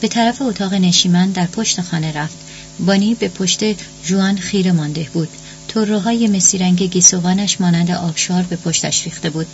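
A woman reading a novel aloud as a measured audiobook narrator. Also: fairly low pitch. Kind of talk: scripted narration. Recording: dull lo-fi audio with hiss.

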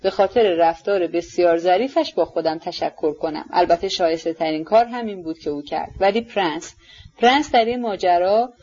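A woman's voice: lowish voice, a little mellow, dull audio, lightly acted. A woman reading as a bitter, strained young man. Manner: tight, strained speech.

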